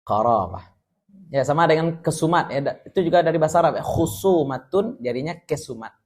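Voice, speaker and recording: A man's voice: a little high, expressive, quick pace. A man with a Minangkabau accent teaching an Islamic study class, explaining Arabic terms and joking with his listeners. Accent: Minangkabau Indonesian. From West Sumatra. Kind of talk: religious study lecture.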